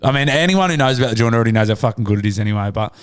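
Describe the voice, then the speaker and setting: An Australian man hosts a casual podcast chat in a dry, close recording. He talks bluntly, with heavy swearing and slang, in a medium-pitched voice. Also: expressive, rapid-fire, clean tone, no echo. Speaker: podcast host.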